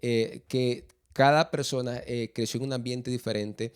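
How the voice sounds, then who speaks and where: A man hosting a casual chat, relaxed and hesitant, with many filler sounds as he asks his guests questions. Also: medium pitch, measured pace, smooth. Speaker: host.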